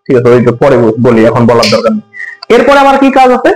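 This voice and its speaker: A man's voice: medium pitch, wildly swooping pitch, fast talker, roomy sound, faint music behind, poor audio. A man teaching a computer lesson in casual, colloquial speech, often putting questions to his students. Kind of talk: classroom lesson with everyday examples.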